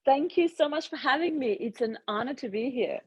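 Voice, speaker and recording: A woman in her thirties, from Hungary, telling her story as a guest in a conversational interview, thoughtful and pausing with soft laughs. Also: high-pitched, animated, breathy edge, no room sound, muffled recording. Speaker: guest, nutritional therapist.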